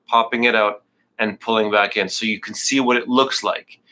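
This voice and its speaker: A man's voice: lowish voice, steady tone, normal speed, bright, forceful tone. A man teaching a live yoga class, talking students through breathing cues in a casual, joking way and a bit out of breath. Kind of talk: live online class instruction.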